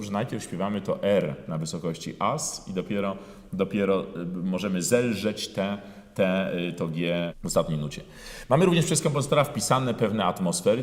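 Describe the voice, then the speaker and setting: A man giving a singing lesson, talking through phrases slowly with many pauses and fillers, and singing parts of them out in full voice. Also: sits low. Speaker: voice teacher. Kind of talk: singing lesson with sung demonstrations. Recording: roomy hall with long reverb.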